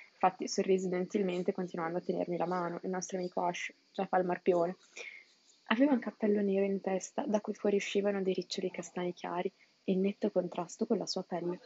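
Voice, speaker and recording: A woman's voice: mid-range voice, warm tone, breathy edge, lo-fi sound. A young woman reads a story aloud and mocks it with sarcastic asides. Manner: sarcastic, mocking, laughs at the text. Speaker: story reader and commentator.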